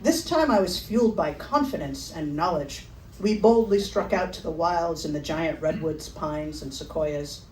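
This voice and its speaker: A middle-aged woman performing a personal memoir at a live storytelling event, with a wry, animated delivery. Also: deep voice, normal speed, reverberant, far from the mic, slight background noise, low-quality recording.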